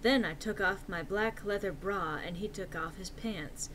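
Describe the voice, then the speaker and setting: A woman's voice: medium pitch, unhurried, fairly bright tone, slight background noise, low-quality recording. A woman giving a dramatic reading of fan fiction with the theatrical delivery of a hammy stage actor. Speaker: reader.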